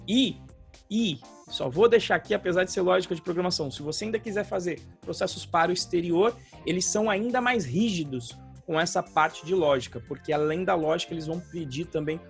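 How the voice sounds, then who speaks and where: A man's voice: high-pitched, brisk, vocal fry, soft background music. A man from Brazil co-hosting a podcast, explaining things like a teacher and often tagging his sentences with little check-in questions. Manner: explanatory, frequent "tá?" tag questions. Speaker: podcast co-host, programming teacher. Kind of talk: casual podcast chat.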